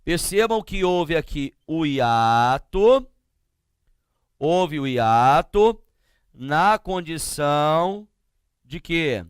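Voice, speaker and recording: A man teaching a grammar lesson, explaining slowly and often asking the class to check they follow. He speaks with a Brazilian Portuguese accent. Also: a little high, animated, clear, resonant tone, dry recording, studio quality. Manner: slow, drawn-out explanations with frequent checking questions.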